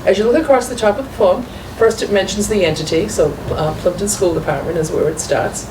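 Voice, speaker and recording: A low-voiced school business manager gives a brisk meeting report in a school committee meeting room, patiently walking through paperwork and explaining the documents. The far-off room mic makes the recording echoey, roomy and noisy.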